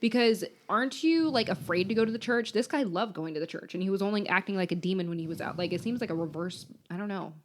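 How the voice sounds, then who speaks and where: A woman's voice: mid-range voice, fast talker, few pauses. A young woman co-hosting a podcast, casually recounting a true crime story and laughing often between lines. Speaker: podcast co-host.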